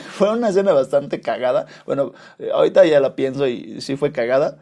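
A man's voice: medium pitch, lively intonation, fairly quick, creaky, warm tone. A young adult man with a Mexican accent, hosting a podcast and telling stories in a rambling, slangy, profane way. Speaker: podcast host. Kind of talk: casual monologue storytelling.

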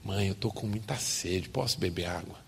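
A man's voice: sits low, normal speed, vocal fry, fairly bright tone, a little hiss or hum. A man voicing a thirsty little boy who keeps whining and begging his mother, in a reverberant hall. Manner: pleading, whining, melodramatic.

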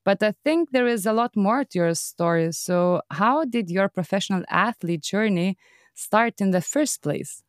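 A woman's voice: mid-range voice, animated, a little slow, dry recording, studio quality. A woman hosting a podcast, opening with scripted, upbeat introductions and then asking questions in a conversational interview. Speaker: podcast host.

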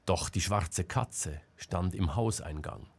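A man reading an audiobook as narrator in a calm, measured way. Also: deep voice, creaky, husky. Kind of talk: scripted narration.

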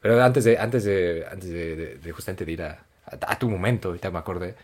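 Deep-voiced Mexican man telling anecdotes. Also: fairly quick. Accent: Mexican Spanish. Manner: animated storyteller, jumps to high acted voices for quotes; colloquial, many fillers. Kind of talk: casual chat.

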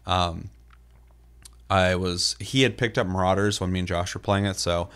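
Podcast co-host, male, very low voice, loose rambling delivery with lots of "uh" and "um", casual swearing. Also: steady tone, moderate pace, a bit bright, smooth. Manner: rambling, filler-heavy storytelling with casual swearing. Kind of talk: casual gaming podcast chat.

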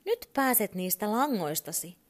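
A woman's voice: medium pitch, big pitch swings, pitched above the performer's own voice, close to an everyday voice. A woman voicing an impatient, bossy little toy bear in a storybook reading. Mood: brisk. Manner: bossy, exclaiming. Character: small toy bear, brisk, impatient and fussy.

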